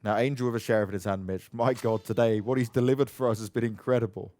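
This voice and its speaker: A man casting an esports match play by play, getting sharply louder and higher on big plays. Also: steady tone, fast talker. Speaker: esports caster. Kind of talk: play-by-play commentary.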